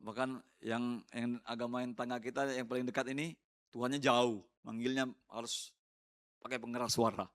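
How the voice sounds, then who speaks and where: A male pastor giving a sermon in a casual, conversational way. He often checks in with the congregation through tag questions and sometimes turns teasing, with laughter and high mocking exclamations. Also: little pitch movement, normal speed, a bit bright.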